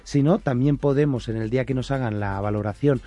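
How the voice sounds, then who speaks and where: A man calmly explaining a procedure on the radio. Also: mid-range voice. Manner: measured, advisory.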